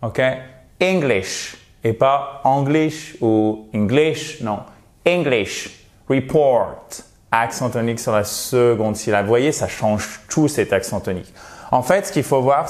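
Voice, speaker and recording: Male English teacher, mid pitch, energetic, repeats words with heavy stress. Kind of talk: video pronunciation lesson.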